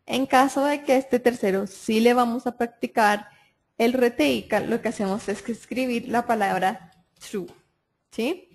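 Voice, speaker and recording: A woman explaining software data entry step by step. She keeps checking in with the listener as she goes. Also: fairly high pitch, measured pace. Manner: step-by-step explaining, frequent "entonces" and "listo", checks with "¿sí?". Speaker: software trainer. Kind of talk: screen-recorded software tutorial.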